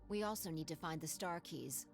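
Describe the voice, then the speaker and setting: An actress voicing a cool, sharp-tongued young woman in a game. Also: sits low, fairly quick. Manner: cool, curt, matter-of-fact. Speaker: game character. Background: game music.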